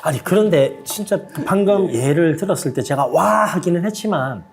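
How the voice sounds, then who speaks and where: A man's voice: a little high, animated, normal speed, slight background noise. A man hosting a conversational educational interview, inquisitive, often summing up and checking back. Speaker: host.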